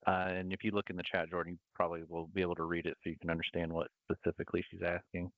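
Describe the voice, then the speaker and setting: A man's voice: deep voice, little pitch movement, rapid-fire, dry recording, dull audio. Upbeat Southern man on a video call. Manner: upbeat, promotional. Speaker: host. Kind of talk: webinar wrap-up.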